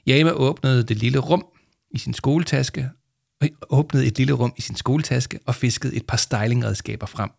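A man narrating a children's storybook aloud in a calm storytelling manner. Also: medium pitch, creaky, no room sound, studio quality. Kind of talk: storybook reading.

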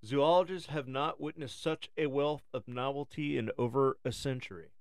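A man reading scripted narration in a measured, formal, nature documentary manner. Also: medium pitch, smooth, dry recording. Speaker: podcast co-host.

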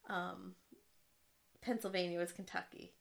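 A woman's voice: on the low side, fairly even intonation, a little slow, gravelly. A woman co-hosting a podcast in casual chat, telling a rambling story with frequent laughter. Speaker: podcast co-host.

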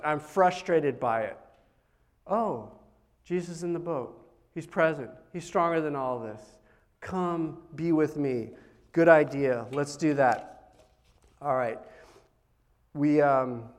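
A middle-aged man giving a conversational sermon as a pastor, telling stories in a casual, animated way with big swings in loudness. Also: fairly high pitch.

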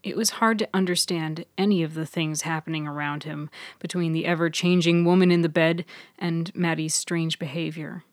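A woman narrating her own serial fiction in a measured, even storytelling voice. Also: deep voice, no room sound, clean studio sound. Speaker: author and narrator. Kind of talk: scripted audiobook narration.

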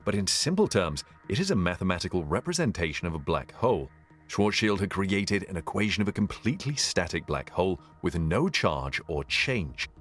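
A man's robotic synthetic voice giving scripted, measured science explainer narration. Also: low-pitched, big pitch swings, a bit bright, faint music behind.

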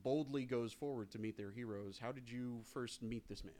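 A man's voice: mid-range voice, normal speed, dark tone, slight background noise. A man in his thirties interviewing casually, deferential and wordy, often feeling his way through a question. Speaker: interviewer, convention Q and A host.

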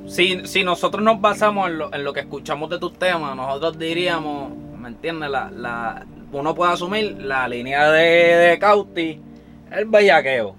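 A male co-host who asks questions in a blunt, offhand way and swears freely. His voice is pitched a little high for a man. Music plays clearly behind him. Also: moderate pace, pushed and bright. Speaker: podcast co-host. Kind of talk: casual interview chat.

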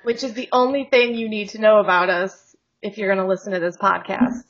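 A woman's voice: mid-range voice, little pitch movement, a little fast, muffled recording. A woman co-hosting a podcast in casual chat, joking and rambling with frequent laughs, over a video call. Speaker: podcast co-host.

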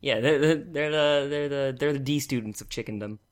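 A male podcast host chats casually with a wry, joking manner. His voice is medium in pitch. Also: fairly quick. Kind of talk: casual chat.

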